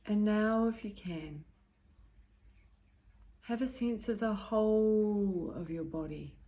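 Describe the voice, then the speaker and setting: A woman at medium pitch leads a guided meditation, soothing, gentle and calm. Pauses separate her short phrases, whose final words drift into a soft breathiness.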